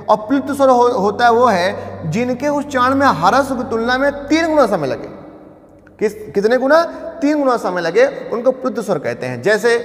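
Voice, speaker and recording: Male grammar teacher, high voice, quizzes his class and answers himself, reverberant room. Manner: asks questions and answers them himself, repeating key terms. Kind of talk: classroom lecture.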